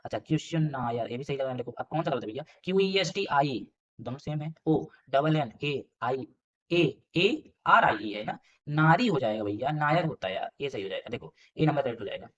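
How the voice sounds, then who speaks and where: A man's voice: mid-range voice, lively intonation, fairly quick, a bit bright, highs cut off. A man teaching a casual spelling quiz lesson, thinking aloud, spelling letters out and repeating words as he works through each answer. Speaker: English teacher for exam prep.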